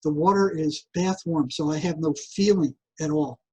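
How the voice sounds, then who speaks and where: Older man, husky voice, animated storyteller who stumbles and restarts often. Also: a little high, normal speed, rough recording. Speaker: guest, psychotherapist. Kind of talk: casual interview storytelling.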